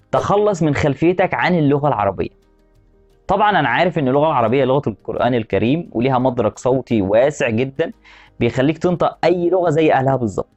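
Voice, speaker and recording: A man with an Egyptian Arabic accent teaching a language lesson, repeating example words slowly and asking the viewer questions. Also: medium pitch, darkish tone, dull audio. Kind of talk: explanatory lesson.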